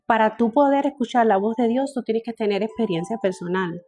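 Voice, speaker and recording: A woman's voice: a little high, brisk, warm tone, faint music behind. A woman teaching a Bible study, often repeating phrases and checking in with her listeners.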